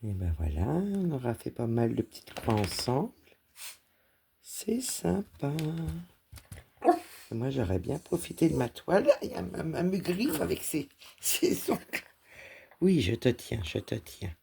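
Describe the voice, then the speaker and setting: A woman's voice: rumbling low, sing-song, normal speed, vocal fry, dark tone, slight background noise. A woman cross-stitch vlogger chatting casually while she stitches and talks fondly to her dog.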